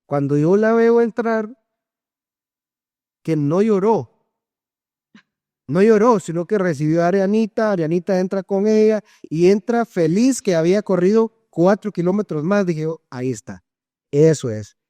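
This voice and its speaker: A man, a pastor speaking calmly and reflectively in a conversational testimony, with short preaching asides. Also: high-pitched, a little slow, dry recording.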